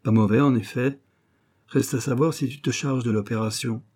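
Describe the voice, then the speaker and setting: A man's voice: mid-range voice, steady tone, moderate pace, a little mellow, lightly acted. A man voicing a sly old scheming clerk. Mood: assured.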